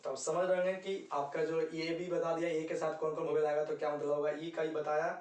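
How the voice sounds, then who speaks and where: A man's voice: on the high side, level tone, fairly quick, a little mellow, roomy sound, far from the mic. A man with a Bihari Hindi accent, teaching English pronunciation in Hindi. He spells words letter by letter and checks that the viewer is following. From India.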